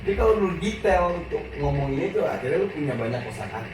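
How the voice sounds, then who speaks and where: A guest from Padang, West Sumatra, Indonesia, an actor and radio host with a Minang accent, casually tells his career story. His voice is a little high and quick, animated and full of slang. The room echoes, he sits far from the mic, and music and background noise are present.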